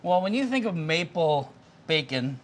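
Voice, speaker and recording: A middle-aged man, the owner of a bakery, casually explaining his baked goods during a shop tour, with a relaxed manner and some fillers. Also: on the high side, moderate pace, slight background noise.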